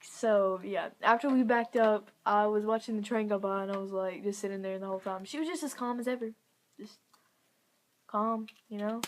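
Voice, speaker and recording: A woman's voice: mid-range voice, fairly even intonation, moderate pace, slight background noise. A young woman telling a story to camera in a casual vlog, chatty and giggly, full of "like" fillers. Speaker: vlogger.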